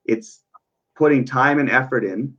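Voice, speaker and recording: A man with a mid-range, slightly bright voice speaks unhurriedly as an interview guest; he is a youth worker and parenting coach. He explains earnestly about working with youth, using frequent fillers, and the audio has its highs cut off.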